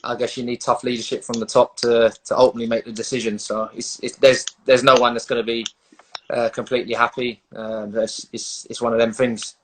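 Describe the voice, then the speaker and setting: A man's voice: medium pitch, level tone, a little fast, fairly bright tone, a little hiss or hum, low-quality recording. A man with a London accent talking casually as an interviewed footballer, matey and slangy with hesitant phrasing, on a video call. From London, England.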